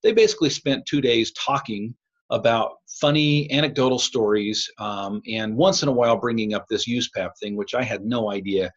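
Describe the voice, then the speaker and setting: A man's voice: medium pitch, normal speed, slightly rough. An American man hosting a podcast in casual talk, with a tinny sound as if in a tin can, picked up by a laptop microphone. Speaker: podcast host. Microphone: laptop built-in microphone.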